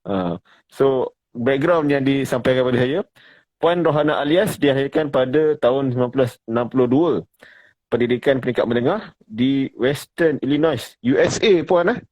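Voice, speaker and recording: A man in his mid-thirties hosting a live-stream interview. He talks in a relaxed, chatty way, with frequent fillers and laughs. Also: mid-range voice, normal speed, no room sound, rough recording. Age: 30s. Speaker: host.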